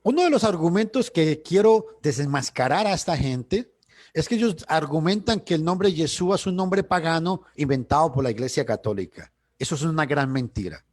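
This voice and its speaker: A man's voice: on the high side, animated, moderate pace, a little mellow, dry recording. A man teaching church doctrine on a video call, emphatic and full of rhetorical questions, often restarting words.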